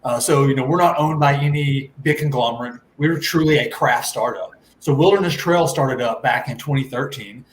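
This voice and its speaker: A man's voice: mid-range voice, moderate pace, hardly any pauses. Man in an echoey room. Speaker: distillery representative. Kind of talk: casual storytelling. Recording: roomy echo, background noise.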